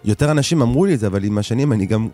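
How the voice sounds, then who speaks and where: A man's voice: medium pitch, animated, dark tone, faint music behind. A man with a French accent in Hebrew, talking casually as a singer being interviewed on the radio. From France. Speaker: singer, studio guest.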